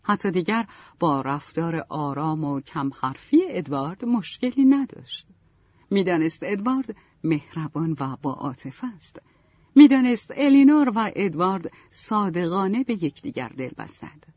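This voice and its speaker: A woman narrating a storybook in an expressive, lively reading style. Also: fairly low pitch, no echo. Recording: dull, dry, lo-fi.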